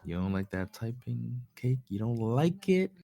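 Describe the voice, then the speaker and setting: A man's voice: mid-range voice, a little slow, vocal fry. A man chatting casually during an online game, joking and talking to himself as he types. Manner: animated, joking, talks to himself while typing.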